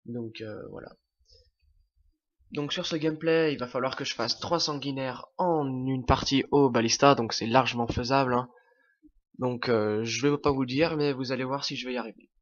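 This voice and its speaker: A young man with a French accent commentates casually on his gameplay while sniffling through a cold, hesitating often, restarting sentences and leaning on fillers. His voice is medium-pitched with fairly even intonation at a normal speed. The audio is dull and lo-fi, like a cheap home mic.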